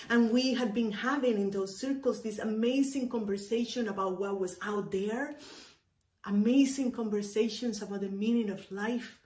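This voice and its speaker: Speaking to camera in a room with bookshelves, this minister from Cuba preaches a sermon in a warm, medium-pitched voice. She is emphatic and deliberate, using repetition to drive her points home, and the indoor sound carries a roomy echo.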